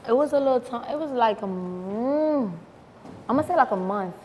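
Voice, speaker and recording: A blunt, profane woman from North Miami, Florida, guests on a casual interview chat, telling stories in an animated way. Her voice is a little high and her pace moderate, recorded in a large, reverberant room with a couch and a slight hiss or hum.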